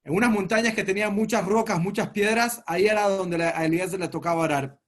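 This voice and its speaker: A man's voice: high-pitched, quick pace. A man, a rabbi, giving a sermon as a story and quoting its characters along the way. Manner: retells a story, quoting its figures in passing.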